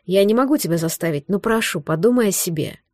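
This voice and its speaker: A woman voicing a worried grown husband who speaks low and hushed, pleading with tense gentleness. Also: expressive, fast talker, no echo, close to an everyday voice.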